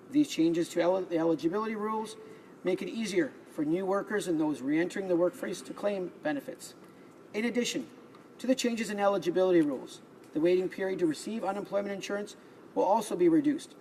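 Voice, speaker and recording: Male MP, higher register, formal parliament speech read from notes with small stumbles, light room noise. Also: darkish tone, rough recording. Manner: reads prepared remarks, stumbling and restarting on words. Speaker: member of parliament. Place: legislative chamber.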